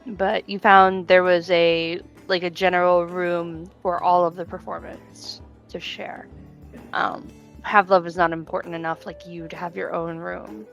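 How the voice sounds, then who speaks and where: A woman's voice: on the low side, flat delivery, a little slow, vocal fry, fairly bright tone, lo-fi sound, soft background music. A woman narrating a tabletop role-playing game as game master, rambling with many fillers.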